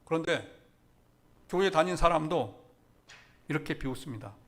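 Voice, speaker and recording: Fervent male pastor swinging loud to hushed. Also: on the high side, lively intonation, moderate pace. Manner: dramatic swings from loud emphatic declarations to hushed near-whispers; repeats key phrases for emphasis. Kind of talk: sermon.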